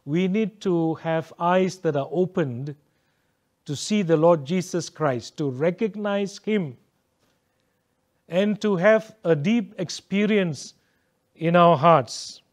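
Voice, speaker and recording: Male preacher, slightly high-pitched, unhurried phrase-by-phrase sermon. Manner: slow, measured preaching in short phrases. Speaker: pastor. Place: church sanctuary.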